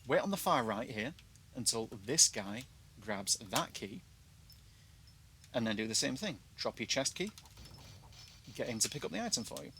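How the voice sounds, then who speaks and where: A man's voice: mid-range voice, big pitch swings, moderate pace, creaky, long pauses, sharp tone. A British man with glottal stops in place of his T's gives casual gameplay commentary in a chatty, self-deprecating way. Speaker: video game player giving a walkthrough. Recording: noticeable background noise.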